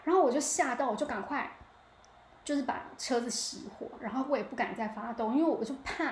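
A young woman podcast host with a Taiwanese Mandarin accent tells a story in a casual monologue, her voice fairly high and fairly quick. She is animated and chatty, repeatedly asking the listener 你知道吗 to draw them in, recorded in an echoey room with faint ambience and slight background noise.

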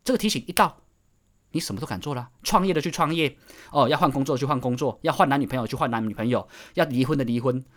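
A man's voice: mid-range voice, fast talker. A man giving a motivational monologue to camera, preachy and pressing, repeating phrases and firing rhetorical questions. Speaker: vlogger.

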